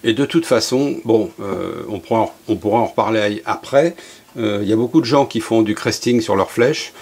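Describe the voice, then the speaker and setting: A middle-aged man giving a relaxed, chatty hands-on workshop demonstration as an archery instructor, with many fillers and asides. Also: lowish voice, moderate pace, husky.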